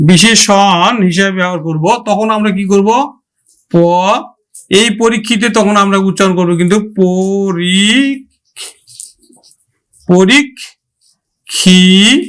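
A man's voice: high-pitched, a bit bright. A man teaching a grammar lesson for exam preparation, asking his students rhetorical questions and sounding out words syllable by syllable.

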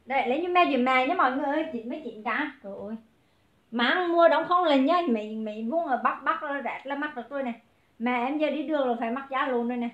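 A woman selling clothes on a livestream, briskly calling out prices and greeting viewers by name. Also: high voice, echoey room, muffled recording. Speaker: online clothing seller. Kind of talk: livestream sales pitch.

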